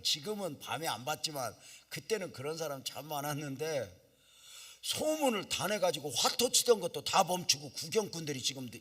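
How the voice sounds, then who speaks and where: A middle-aged male pastor preaching in a church, telling his story with bright, forceful energy. His voice is a little husky, and he jumps between a hushed, acted-out prayer and sudden loud shouts. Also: fairly high pitch. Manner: animated storytelling, acts out quoted voices, bursts into loud cries. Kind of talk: revival sermon storytelling. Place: church sanctuary.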